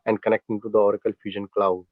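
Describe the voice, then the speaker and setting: A man's voice: lowish voice, little pitch movement, quick pace, no room sound, phone-quality sound. A man asking a question in an online class, hesitant and often saying "you know". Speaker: student.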